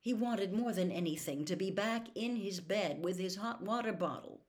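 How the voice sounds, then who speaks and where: A woman's voice: mid-range voice, moderate pace, darkish tone. A woman reading a novel aloud as a storyteller, dramatic and dropping to a whisper for suspense.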